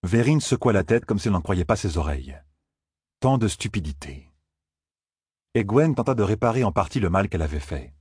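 A man narrating an audiobook in a measured storytelling manner, close to the mic. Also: on the low side, lively intonation, a little mellow, husky, no echo. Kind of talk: scripted narration.

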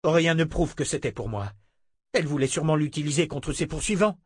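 A man's voice: a little high, animated, brisk, slightly rough, no room sound, studio quality, voice pushed up. Man voicing an indignant young swordsman, principled, heated, storybook. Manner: indignant, protesting.

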